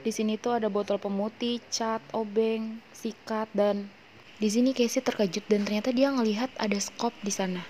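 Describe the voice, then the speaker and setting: Casual female film-recap narrator, mellow and chatty, faint background noise. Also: fairly high pitch, steady tone, normal speed. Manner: chatty, slangy, joking asides.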